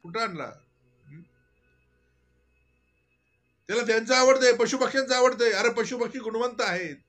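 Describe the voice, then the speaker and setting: High-voiced man preaching. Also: moderate pace. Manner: rhetorical questions, swings from soft to loud. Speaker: spiritual teacher. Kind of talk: devotional discourse.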